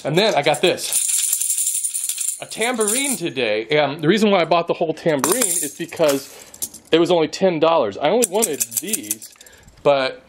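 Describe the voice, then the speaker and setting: A man's voice: a little high, expressive, moderate pace, faint music behind. Middle-aged guy rambling to his camera in his garage shop, laughs a lot, easygoing. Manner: chatty, self-amused, laughs often. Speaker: woodworking channel host. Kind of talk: casual vlog chat. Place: home wood shop, indoors. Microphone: handheld camera at arm's length.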